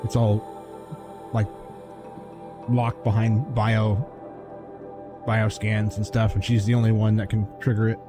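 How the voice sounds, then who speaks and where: A man's voice: on the low side, level tone, slow pace, pauses often, music in the background. A man streaming a video game, thinking aloud with wry remarks. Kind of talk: casual gameplay commentary.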